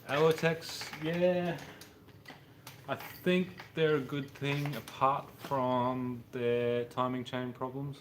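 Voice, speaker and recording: In a flat, mid-range voice and at a slow pace, a thirty-something Australian from Brisbane rambles casually through a livestream, answering viewers' questions. He's in his home workshop with a car up on a hoist, relaxed and full of slang, with a little hiss or hum audible.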